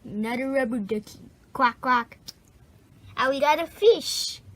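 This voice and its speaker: A woman's voice: high-pitched, expressive, normal speed. A woman narrating her bath toy play for kids in a playful, casual way, making little bloop and quack sounds. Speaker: toy video host.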